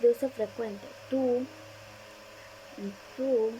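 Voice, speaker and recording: A woman's voice: a little high, moderate pace, dark tone, slight background noise, rough recording. A woman student reading a class presentation aloud, stressing each example word she gives.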